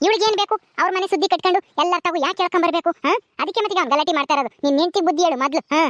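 A sharp-tongued village mother-in-law, played by a woman nagging in a very high, rapid voice. She hammers each point home with a demanding "ha?". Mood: scolding. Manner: scolding, nagging, ends lines with "ha?".

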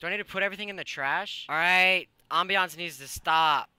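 A man's voice: high-pitched, brisk, bright, forceful tone, smooth, no echo. A young man giving casual, jumpy, slangy commentary while playing a horror game. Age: young adult. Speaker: gaming video host. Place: small room indoors.

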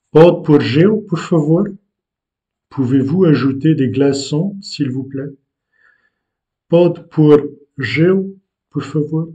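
A male language teacher explains words at an unhurried, deliberate pace. His voice is mellow and dark, and he pauses and hesitates between phrases. He keeps a patient, explanatory manner throughout. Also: medium pitch, lo-fi sound. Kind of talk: explaining vocabulary to learners.

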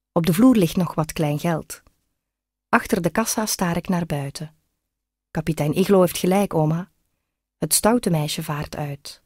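A woman reading a first-person story aloud in a measured, reflective way. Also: on the low side, darkish tone, no room sound, clean studio sound. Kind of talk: audiobook reading.

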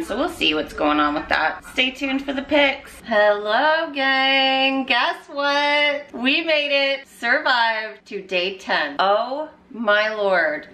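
A woman's voice: mid-range voice, bright, forceful tone. A woman who works in nutrition, chatting casually and upbeat to her vlog audience. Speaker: nutrition vlogger.

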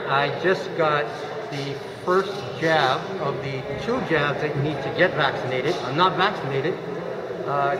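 A man in his forties recording a relaxed, reflective selfie vlog on a phone held at arm's length, indoors in a large community gym and later outside. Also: on the high side, very noisy. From Canada. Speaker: vlogger. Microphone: phone camera at arm's length.

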